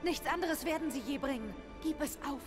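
A woman voicing a determined young adventurer in a dubbed video game, resolute and forceful. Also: high voice, a little fast, over music, natural voice.

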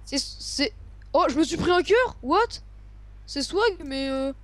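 Playful, excitable higher-pitched woman gamer. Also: slow, dry recording. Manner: excitable, playful, drops English gaming slang. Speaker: gamer co-host. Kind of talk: casual gameplay commentary.

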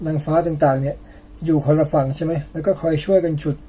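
Guy from thailand retelling an epic, chill and chatty, lots of polite little tags, low mellow voice. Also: steady tone, fast talker, breathy edge. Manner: chatty, tags sentences with polite particles, personal asides. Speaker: storyteller. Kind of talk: casual storytelling narration.

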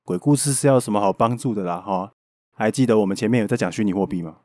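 A low-pitched man with a Taiwanese Mandarin accent tells a story to his podcast listeners. His delivery is casual and playful, full of jokes and mild curses. The sound is close and very dry. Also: quick pace, darkish tone, no room sound. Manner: playful, joking asides, mild swearing. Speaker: podcast host.

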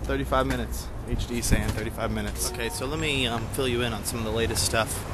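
A man's voice: medium pitch, fairly even intonation, fast. A man in his thirties filming himself at arm's length, giving sarcastic running commentary on a road trip. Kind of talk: casual vlog narration to camera. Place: city streets outdoors, later inside a truck cab at night. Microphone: handheld camera at arm's length. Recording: noisy street and traffic background.

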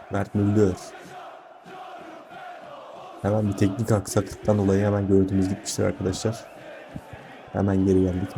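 Low, even-toned male football commentator. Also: noisy background. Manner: repeats names and phrases. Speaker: football commentator and channel host. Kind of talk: live football match commentary. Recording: music and crowd behind the voice.

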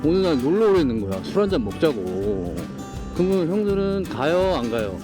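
A man's voice: fairly high pitch, very animated, moderate pace, music in the background. A middle-aged man giving casual, blunt, grumbling vlog commentary in slangy banter, his articulation slightly slurred by loose dentures. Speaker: vlog host.

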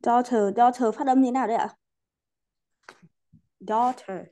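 Her voice is a bit high and warm, with little pitch movement, and she speaks in rapid-fire bursts. She teaches an English class online, politely and patiently, mixing English words into her explanations and adding courteous particles to most sentences.

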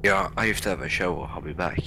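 Very deep-voiced Irish man, noisy voice chat. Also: fast talker. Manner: blunt, sweary. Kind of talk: casual chat. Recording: noisy voice chat with vehicle sounds.

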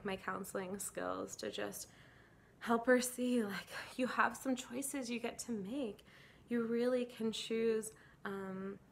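Woman, 30s, earnest spoken testimony to a phone camera; slight vocal fry, faint background hiss. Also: mid-range voice. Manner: earnest and emotional, with frequent fillers and laughs. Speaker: church volunteer sharing a testimony. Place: indoors against a plain grey wall.

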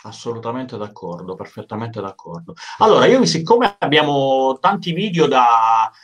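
A middle-aged man hosts a live show from home. His voice is of medium pitch and his delivery is casual and conversational. He speaks into a headset on a video call. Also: sing-song, moderate pace, fairly bright tone. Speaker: host. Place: room at home.

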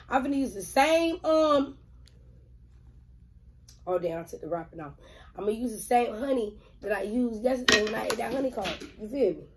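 A woman's voice: mid-range voice, poor audio. A woman, chatting bluntly and profanely on camera while she eats, rambling as she goes. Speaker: mukbang vlogger. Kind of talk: casual chat while eating on camera.

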